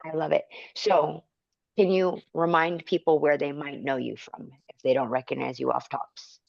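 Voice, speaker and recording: A woman with a gravelly, creaky voice hosts a podcast in relaxed, casual chat. The recording sounds dull and dry, with little room around her. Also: sits low, normal speed, dry recording. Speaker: podcast host.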